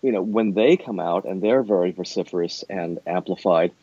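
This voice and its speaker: A middle-aged man, an academic, speaking discursively and thoughtfully in a conversational interview, with hesitant, measured phrasing. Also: low-pitched, dark tone, breathy edge. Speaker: university academic being interviewed. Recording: dull, roomy, echoey sound.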